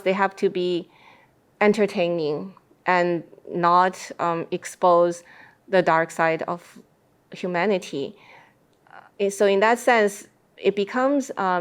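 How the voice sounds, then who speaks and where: Her voice sitting on the low side, a woman guest in a reflective interview discussion sets out her thinking in measured, deliberate phrasing.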